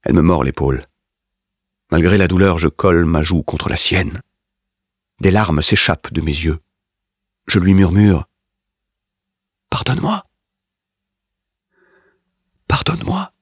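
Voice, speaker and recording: A man narrating a first-person dramatic story in a grave, measured manner. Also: low-pitched, slightly rough, no room sound, clean studio sound. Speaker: audiobook narrator.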